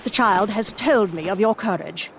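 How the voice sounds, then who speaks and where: A woman playing a brisk, commanding Victorian lady Egyptologist who narrates and speaks in crisp, formal sentences, in a full-cast audio drama. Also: medium pitch, slight background noise, lightly acted. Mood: coaxing. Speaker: narrator and lead character.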